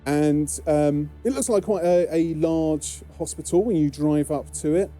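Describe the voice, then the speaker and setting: A man's voice: fairly high pitch, unhurried, dark tone, soft background music. A man with a British accent narrating a tabletop game as game master, hesitant with many fillers. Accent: British English. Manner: hesitant, many ums and restarts.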